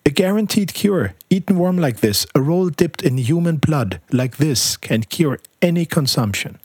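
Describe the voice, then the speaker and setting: A man reading aloud, voicing a heavy-jowled man who talks loudly and boastfully. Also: on the high side, expressive, moderate pace, husky, no room sound, studio quality, voice pushed up. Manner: loud and boastful.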